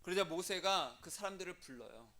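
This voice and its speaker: A male Korean pastor giving a lively sermon, acting out biblical figures with shifting voices and asking the congregation questions. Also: high voice, fairly quick. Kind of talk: animated sermon with acted-out quotes.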